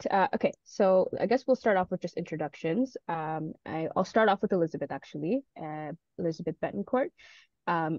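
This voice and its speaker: Hosting a student panel on a video call, this woman speaks casually and courteously, often poking fun at herself. She has a low, warm voice with no echo. The online call audio comes through muffled and dull.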